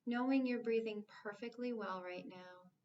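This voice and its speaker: A female instructor leads a guided meditation, speaking calmly and soothingly at a measured pace with long pauses. Her voice is on the high side, and the recording's highs are cut off.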